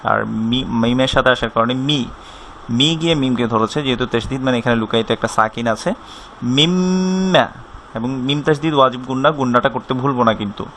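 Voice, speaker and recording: A man of ordinary pitch teaches a recitation class, drawing out sounds and repeating each syllable slowly so learners can copy him. His voice sits over a faint hiss of background noise. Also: steady tone, a bit bright. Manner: patient, repeats syllables slowly to model pronunciation. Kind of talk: online tajweed lesson.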